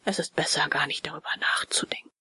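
A woman voicing a calm, resigned dolphin with a hoarse, low voice in a storybook reading. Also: fast talker, no echo, whispered.

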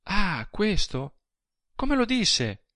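Una giovane donna fragile e angosciata, interpretata da un uomo, con voce alta e supplichevole, nel pieno di un audiolibro. La lettura è lenta e la registrazione asciutta. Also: male voice, a little high, big pitch swings, slow, pushed and bright, no echo, studio quality, voice pushed up, exaggerated voice. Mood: frightened. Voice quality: pleading, anxious. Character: small frail frightened young woman. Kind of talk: audiobook reading.

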